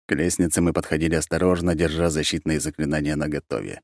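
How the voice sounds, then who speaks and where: A man narrating an audiobook in first person with an expressive, animated reading. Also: a bass voice, fast, no room sound, clean studio sound.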